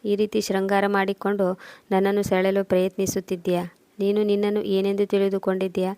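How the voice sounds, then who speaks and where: A woman's voice: medium pitch, monotone, fairly quick, warm tone, no room sound, natural voice. A woman reading the lines of an angry, contemptuous husband in a storybook narration. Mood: scornful. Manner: scolding, harsh questions.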